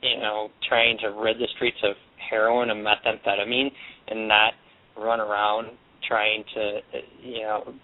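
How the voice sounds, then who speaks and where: A man's voice: fairly low pitch, flat delivery, unhurried. A man speaking as a guest on a radio show over the phone, earnest and rambling with restarts. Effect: voice heard over the phone. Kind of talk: casual radio talk. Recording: tinny phone line.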